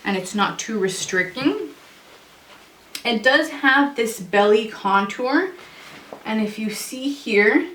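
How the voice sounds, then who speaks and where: A young woman with a fairly high voice chats through a casual clothing review. She speaks slowly and is slightly out of breath, with conversational pauses. The sound is roomy and echoey. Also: fairly bright tone. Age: young adult. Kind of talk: casual product review chat to camera. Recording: roomy echo, distant microphone.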